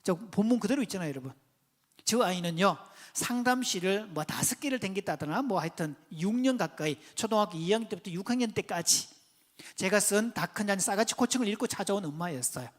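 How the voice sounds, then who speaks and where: A man's voice: high-pitched, lively intonation, fast. A man giving a church seminar lecture on parenting, telling counseling stories and asking the audience questions. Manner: conversational, asks the audience questions; tells counseling stories and points at slides. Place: church hall before an audience.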